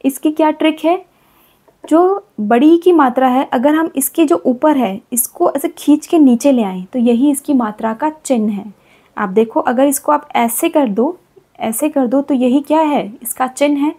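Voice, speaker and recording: A woman teacher explaining Hindi vowel signs to children, repeating example words slowly and patiently. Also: high voice, dark tone.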